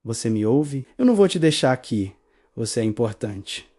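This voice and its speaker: A man's voice: mid-range voice, big pitch swings, moderate pace, warm tone, no room sound, studio quality. A man voicing a grown man who rescues a freezing street child, pleading and tender, in a Brazilian accent, in a storybook reading. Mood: tender soothing.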